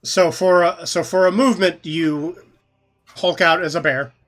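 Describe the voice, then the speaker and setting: A man running a tabletop game as dungeon master, calmly explaining rules and calling turns. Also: high-pitched, unhurried. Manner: patient, rule-explaining, easygoing.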